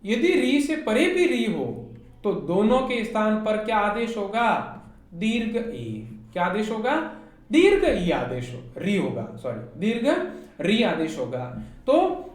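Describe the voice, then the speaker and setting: A woman's voice: mid-range voice, sing-song, slow pace. A woman teacher with a Hindi accent giving an online class lecture, explaining step by step and asking her students rhetorical questions. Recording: very echoey room with faint noise.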